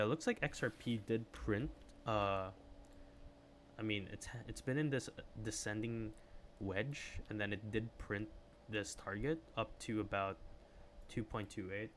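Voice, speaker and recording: A man's voice: lowish voice, a little hiss or hum. Chatty man analyzing charts on a stream. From Philippines. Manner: chatty, reacts to chat with excited bursts. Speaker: livestream trading host. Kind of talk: casual live chart analysis.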